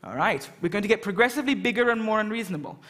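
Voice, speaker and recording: A woman's voice: mid-range voice, expressive, racing, a bit bright. An English woman hosting a live event, joking and chatting with the audience on stage. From England. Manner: joking, chatty, teasing the crowd. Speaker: event host. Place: lecture hall with live audience.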